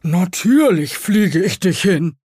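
A woman voicing a sleepy male stag beetle who grumbles slowly. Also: fairly low pitch, animated, a little mellow, husky, no room sound, exaggerated voice. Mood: grumbling. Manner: slow dry grumble.

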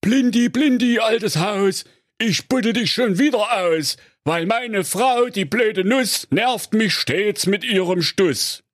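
A man's voice: sits high, slow pace, dry recording, clean studio sound, pitched above the performer's own voice. A man voicing a good-natured, henpecked digger driver in a spoofed fairy tale. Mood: chanting. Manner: weary, grumbling, placating.

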